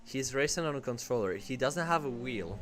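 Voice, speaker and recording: A man commentating a sim race on a stream, chatty and relaxed, reading out viewer messages. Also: mid-range voice, a little fast, noisy background.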